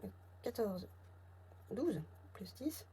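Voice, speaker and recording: Expressive and mellow, this mid-range female voice draws out its words as she thinks aloud, counting envelopes at home and muttering figures. She's a budget vlogger from the south of France with a southern French accent, recorded with clear background noise and clicks.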